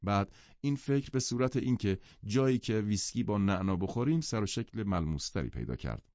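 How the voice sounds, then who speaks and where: Deep, dark-voiced male audiobook narrator. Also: lively intonation, no room sound. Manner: measured storytelling. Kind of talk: scripted literary narration. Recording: dry, muffled lo-fi recording.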